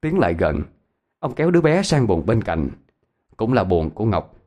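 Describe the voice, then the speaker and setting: A man narrating a ghost story expressively. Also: normal speed. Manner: expressive, varied pitch.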